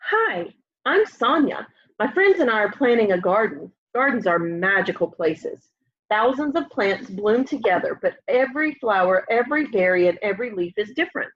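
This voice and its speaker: This storybook reader, a woman at home near a window, brings a children's book to life with an animated, somewhat bright voice at medium pitch and a moderate pace. She talks plainly, as if to young children, captured in slightly muffled, lo-fi webcam sound.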